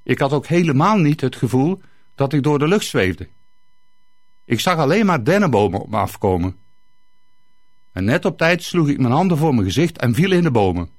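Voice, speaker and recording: A man narrating a first-person story with lively, vivid delivery. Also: on the high side, no echo, clean studio sound.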